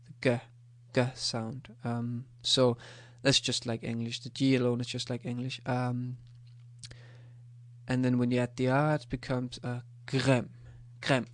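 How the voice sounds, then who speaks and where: A man gives a pronunciation lesson, moving slowly and hesitantly and repeating each sound. His voice is gravelly and sits at an ordinary pitch. The recording is dry and close. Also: no echo. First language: Danish. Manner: slow and hesitant, with many fillers, repeating sounds. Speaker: language teacher.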